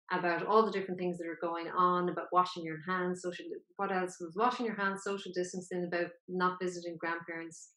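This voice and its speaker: A woman's voice: fairly low pitch, a bit bright. Echoey Irish woman hosting an interview. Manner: wordy, rephrasing and repeating points. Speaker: podcast interviewer. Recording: echoey, roomy sound.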